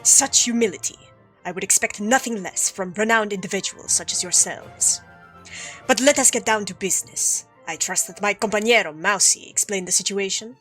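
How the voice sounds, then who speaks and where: Courtly young prince with a put-on Spanish accent, read by a woman, bright and crisp, faint game music under. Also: mid-range voice, normal speed, natural voice. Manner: formal, flowery, gracious. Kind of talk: reading game dialogue aloud.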